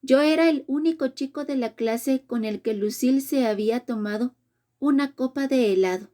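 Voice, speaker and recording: A woman narrating a romance audiobook in the first person with a measured, dramatic reading. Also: sits high, mellow.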